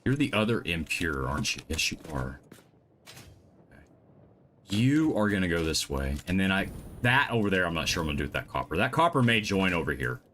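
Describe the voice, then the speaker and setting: A man's voice: sits low, very animated, fairly quick, pushed and bright, slight background noise. A man streaming a game live from home, chatting casually and thinking aloud as he plans his builds. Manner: thinks aloud, muttering to himself while planning. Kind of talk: casual gameplay commentary.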